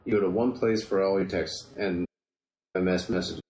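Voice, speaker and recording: A man's voice: sits low, steady tone, moderate pace, a little mellow. A young man joining a tech podcast as a guest, eagerly explaining in detail. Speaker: guest panelist. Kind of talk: casual tech podcast chat. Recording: roomy with faint background noise.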